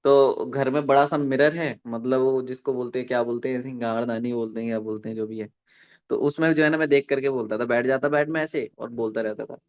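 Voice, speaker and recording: A man running a live online training session for network marketing, dictating points slowly and checking in with listeners after nearly every sentence. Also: medium pitch, fairly even intonation, a little mellow. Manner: dictates slowly for note-taking.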